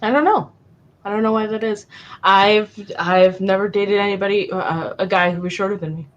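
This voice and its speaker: Animated, jokey woman on a live stream. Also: medium pitch, moderate pace, dull audio. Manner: animated, jokey, reads out viewer comments. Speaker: co-host of a live writing stream. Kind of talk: casual chat.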